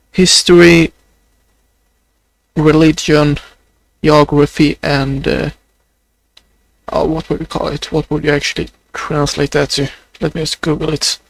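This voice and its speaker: A young video journal creator with a Swedish accent talks without a script in a fairly high, gravelly voice. The audio is poor with no room sound, and his slow, halting speech is thick with fillers, a voice people say sounds close to crying.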